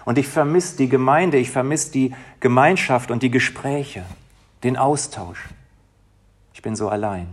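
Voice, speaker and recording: A man delivers a sermon with a husky, breathy edge to his voice. He speaks as a pastor addressing his congregation, moving from hushed, intimate phrases to emphatic, rising appeals. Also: mid-range voice, measured pace. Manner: emotional, dynamic, swings from soft to emphatic.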